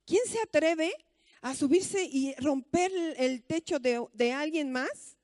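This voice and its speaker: A woman's voice: sits high, takes it slowly, darkish tone, dry recording, clean studio sound. A woman pastor with a Mexican accent, giving a conversational sermon full of stories and rhetorical questions.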